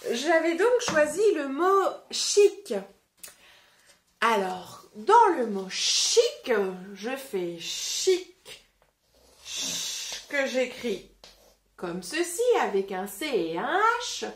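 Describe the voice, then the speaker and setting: Animated woman reading aloud to children. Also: high-pitched. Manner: playful, exaggerated and deliberately slow, sounding out words. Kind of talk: interactive read-aloud lesson. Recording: roomy echo.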